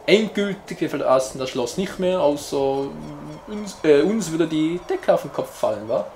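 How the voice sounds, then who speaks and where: A man's voice: on the high side, expressive, moderate pace, a little mellow, reverberant, a little hiss or hum. A man giving casual, jokey gameplay commentary as a let's player, chatting to his viewers.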